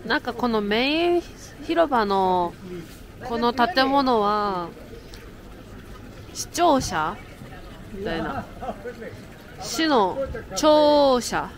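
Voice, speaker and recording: A woman's voice: fairly high pitch, lively intonation, drawn-out words, long pauses, crowd noise. A woman, chatting to her camera as she walks around a city outdoors, laughing often. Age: 30s. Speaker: travel vlogger. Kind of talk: casual travel vlog narration. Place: outdoors in a windy, cold city.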